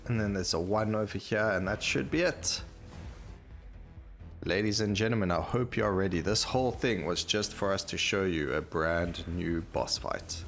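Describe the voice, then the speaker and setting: Video game music plays as a man casually walks viewers through his choices while he plays, thinking aloud. His voice sits low and is a bit bright, at a normal speed.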